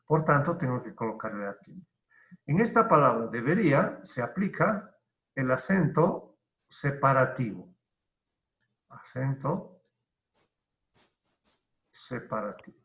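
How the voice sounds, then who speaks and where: A male teacher giving an online grammar lesson, who explains deliberately, repeats key terms and asks and answers his own questions. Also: medium pitch, very animated, fairly bright tone. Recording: roomy, dull lo-fi online class audio.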